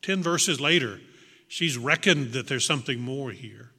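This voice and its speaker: A man's voice: mid-range voice, expressive, a little slow, sharp tone, breathy edge. A man preaching a sermon to a congregation, earnest and reflective, repeating words for emphasis. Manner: earnest, reflective, with small restarts and emphatic repetition. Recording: long hall reverb.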